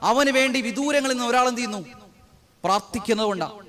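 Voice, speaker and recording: Male priest, high voice, sermon with repeated call-back refrains, reverberant hall sound. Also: fast, fairly bright tone. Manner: rhetorical questions answered himself, repeated refrains.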